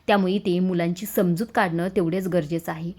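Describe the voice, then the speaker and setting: A woman voicing an earnest young woman in a retold TV serial, speaking gently and pleadingly. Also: on the low side, steady tone, brisk. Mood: worried.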